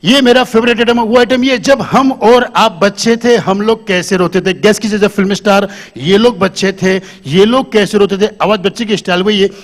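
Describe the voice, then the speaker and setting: A man's voice: sits high, normal speed. A man doing live stand-up comedy on a stage, talking to the audience into a handheld microphone and quizzing them.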